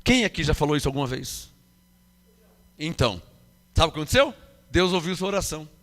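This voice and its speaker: High, bright Brazilian preacher in a reverberant hall. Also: male voice, big pitch swings, fairly quick. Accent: Brazilian Portuguese. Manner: emphatic, questions the congregation, acts out quoted voices. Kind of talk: sermon. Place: church hall.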